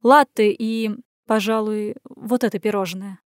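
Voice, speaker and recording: Женщина, изображающая заботливую властную подругу. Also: female voice, medium pitch, steady tone, a little slow, no echo, clean studio sound, natural voice. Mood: caring. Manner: insistent, scolding. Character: caring, bossy young woman friend.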